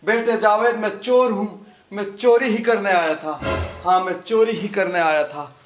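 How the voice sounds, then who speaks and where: A gentle old blind father, heartbroken and pleading, as a man acts him out. He speaks poetically in a fairly high voice in a melodramatic audio drama. The voice has a roomy echo over soft music. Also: unhurried. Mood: bitter grief. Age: older. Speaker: voice actor.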